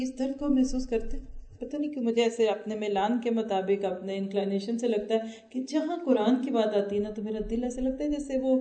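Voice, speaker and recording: A woman's voice: medium pitch, dark tone, roomy sound. Earnest woman giving a Quran lecture. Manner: earnest, asks the audience questions. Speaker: Quran teacher. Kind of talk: religious lecture, Quran commentary.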